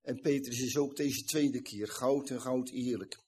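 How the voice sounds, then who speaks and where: Husky-voiced man preaching a sermon. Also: medium pitch, measured pace, a little mellow. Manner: earnest, retelling scripture with quoted dialogue.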